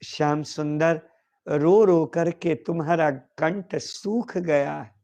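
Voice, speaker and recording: A gentle, caring woman companion from a devotional tale , voiced by a male preacher speaks in a soft, pleading manner. The voice sits high, and each phrase stretches out very slowly. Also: fairly even intonation. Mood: tender.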